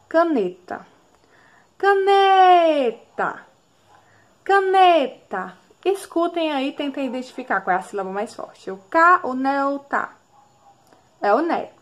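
A woman's voice: high-pitched, a bit bright. A woman teaching a recorded class for young children, with a Brazilian Portuguese accent. She speaks in a sing-song way, drawing out words syllable by syllable and asking the class questions as she goes. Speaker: primary school teacher.

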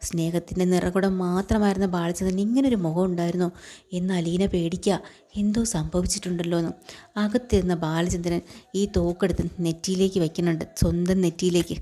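A woman retells a TV serial episode in an easygoing, conversational way. Her voice sits a little low and sounds mellow and warm, and she drops the characters' lines into her telling as she goes. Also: fairly even intonation, brisk. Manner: conversational narration, voicing characters' lines in passing. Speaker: storyteller.

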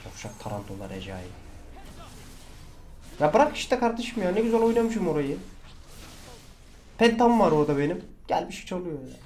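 Excitable man yelling through gameplay. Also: high voice, normal speed, long pauses, slight background noise. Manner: excitable, swears and shouts at teammates. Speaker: gaming channel host. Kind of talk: live gameplay commentary.

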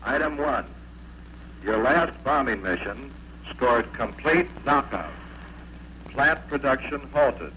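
A terse male field agent reads out his report in clipped radio procedure, slow and deliberate. The voice comes back through an old wire recording of a radio link. The recording sounds muffled and thin, with faint hiss behind it. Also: medium pitch, animated, bright, forceful tone. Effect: played back from an old wire recording of a radio transmission.

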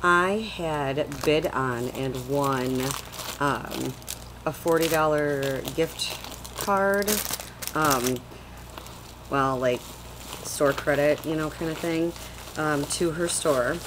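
Low-voiced woman rambling on webcam. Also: drawn-out words, long pauses, background noise. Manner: chatty, rambling, many fillers. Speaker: vlogger. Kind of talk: casual product haul chat. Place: small room at home, indoors. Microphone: webcam at desk.

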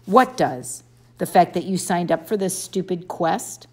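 A woman's voice: on the low side, measured pace, a little mellow, faint music behind. A woman voicing a wry teenage boy hero who asks blunt questions.

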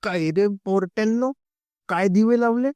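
Man putting on a shrill scolding aunt. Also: normal speed, darkish tone, clean tone, no room sound, close to an everyday voice. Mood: alarmed scolding. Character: shrill scolding middle-aged aunt, easily frightened.

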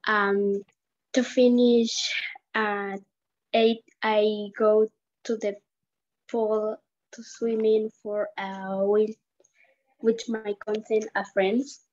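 Spanish-speaking woman student, super slow and monotone, halting english on a muffled call. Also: medium pitch. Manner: halting, hesitant learner. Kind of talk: answering in class. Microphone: video call. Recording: muffled video call audio.

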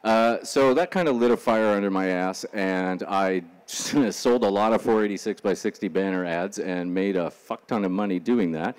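Profane, joking man with deep voice. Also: darkish tone, smooth. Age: 40s. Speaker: speaker. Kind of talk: casual motivational talk. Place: stage before a live audience.

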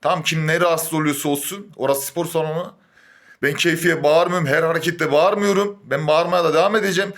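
A young man venting in an angry monologue, heated, swinging between low muttering and a raised voice, full of oaths. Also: fairly even intonation, brisk, a bit bright. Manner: swears oaths often. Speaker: gym-goer venting on camera.

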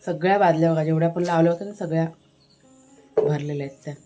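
A woman's voice: sits low, fast talker, dark tone, soft background music. Chatty Konkan village woman vlogging. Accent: Marathi, Konkan. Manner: chatty, showing viewers around home and garden. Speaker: family vlogger. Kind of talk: casual village vlog narration. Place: outdoors at a village home and garden.

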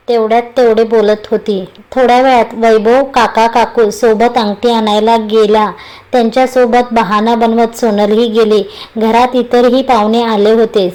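Woman storyteller, fairly high voice, steady storybook narration, romantic story. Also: poor audio.

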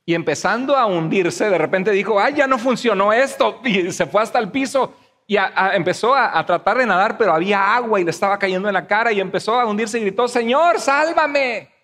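A pastor with a high, bright preaching voice, acting out the story with lively energy. He shifts into quick little character voices along the way. His voice carries a long reverb from a church hall. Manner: animated storyteller, acts out voices and screams. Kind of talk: sermon.

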